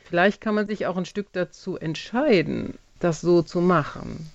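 A radio talk show guest who retells a fairy tale in a lively way and then reflects on it. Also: medium pitch, gravelly, dry recording, muffled recording. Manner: lively storytelling, with brief laughs and quick asides.

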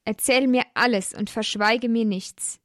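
A woman voicing the old priest Eli, calm and fatherly, in a storybook reading with measured speech. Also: fairly high pitch, no echo, studio quality.

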